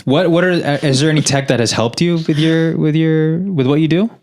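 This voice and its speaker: A man's voice: fairly high pitch, fairly quick, a little mellow. A man interviewing in a casual, agreeable way, with informal and tentative phrasing.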